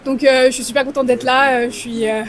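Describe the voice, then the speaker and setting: A woman's voice: high-pitched, steady tone, fairly quick. A woman in her twenties with a French accent, an athlete who was raised in Canada, talking in an upbeat, eager way after a race. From France, raised in Canada. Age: 20s. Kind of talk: post-race interview. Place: outdoors at a stadium. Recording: crowd noise behind.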